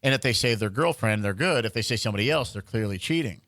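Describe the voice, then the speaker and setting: A man's voice: animated, fast talker, a bit bright, no echo. Podcast co-host, male, storyteller type with a goofy radio-DJ impression on tap; dead-dry mic. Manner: chatty storyteller, slips into a booming radio-DJ voice. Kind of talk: casual comedic chat.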